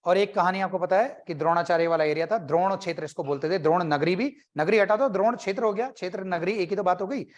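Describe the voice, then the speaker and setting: In this exam-prep lecture, a high-pitched male coaching teacher talks conversationally with his class. He fires off quick questions to quiz the students and tosses in jokes between facts.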